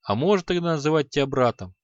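A man's voice: on the high side, lively intonation, quick pace, no echo, voice pushed up, natural voice. A man voicing a good-natured young apprentice who talks mildly and agreeably in an audiobook. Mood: easygoing. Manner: mild, agreeable. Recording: slightly dull audio.

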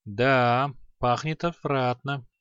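A man's voice: mid-range voice, fairly even intonation, takes it slowly, a bit bright, smooth, no echo. A man voicing an easygoing good-natured young apprentice. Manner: mild, agreeable. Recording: slightly dull audio.

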